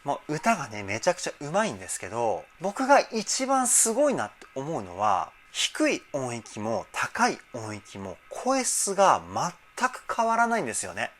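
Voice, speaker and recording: Here a man who coaches singers reacts to a music video's vocals with loose, upbeat commentary, jumping in with excited asides. His pitch is medium, his pace moderate, and he barely pauses.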